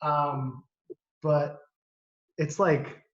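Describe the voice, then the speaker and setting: Higher-voiced man chatting casually on a stream. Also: steady tone, extremely slow. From Canada. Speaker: live stream co-host. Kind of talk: casual chat. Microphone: video call. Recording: slightly dull video-call audio.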